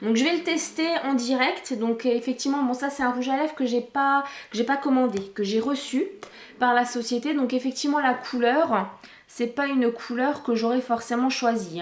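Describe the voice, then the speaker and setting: A woman's voice: fairly high pitch, echoey room. A woman chatting casually through a product review vlog, talking with many fillers and restarts into a camcorder microphone.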